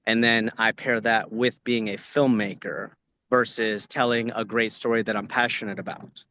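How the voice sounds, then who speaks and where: A working actor from Orange County, California, gives casual, earnest advice to acting students over a video call while outdoors on location, repeating phrases for emphasis. His American voice sits fairly low, with fairly even intonation and a moderate pace. The tone is sharp, and a little hiss or hum runs underneath.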